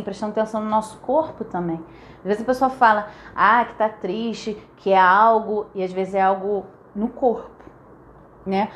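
Woman vlogger, slightly high voice, animated casual storyteller. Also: slight background noise. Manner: lively storyteller, acts out quoted remarks. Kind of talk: casual chat to camera.

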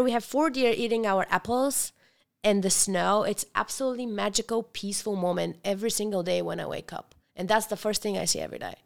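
A woman from Bulgaria, talking as a guest in a casual interview, reflective and earnest, often restarting her sentences. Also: mid-range voice.

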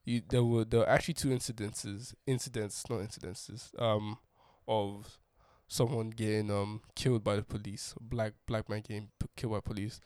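A man's voice: fairly low pitch, level tone, moderate pace, a little mellow, no room sound, clean studio sound. A young man hosting his own podcast, talking casually in a rambling way with many restarts and fillers. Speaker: podcast host. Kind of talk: casual solo monologue.

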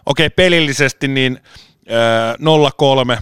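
A man's voice: mid-range voice, steady tone, a bit bright, smooth, dry recording, studio quality. Rambling storyteller man on a podcast. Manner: rambling storyteller, swears and laughs often. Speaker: podcast co-host. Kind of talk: casual chat.

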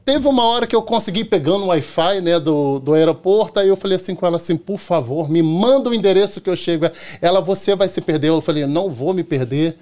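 A middle-aged man with a Carioca accent chats as a podcast guest, his voice sitting fairly high for a man. He tells anecdotes casually and plays out the back-and-forth dialogue as he goes. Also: fast, hardly any pauses, darkish tone. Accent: Carioca Portuguese. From Rio de Janeiro, Brazil. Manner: chatty, tells anecdotes acting out quoted dialogue, often tags "entendeu?". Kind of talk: casual storytelling in a podcast chat.

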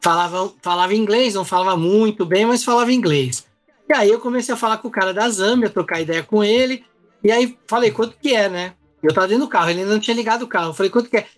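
A man's voice: high-pitched, fast, soft background music. A man telling a travel mishap in casual chat, acting out the other people's lines as he goes. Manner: animated storyteller, acts out dialogue.

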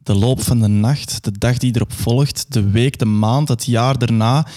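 A man's voice: mid-range voice, fairly even intonation, measured pace, warm tone. A young man performing a grandiose, absurdist dramatic monologue.

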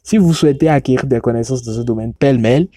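He talks fast in a mellow, medium-pitched voice, captured dry in studio quality. A podcast reviewer whose first language derives from Yoruba, he casually runs through podcasts he likes, frequently restarting and repeating words.

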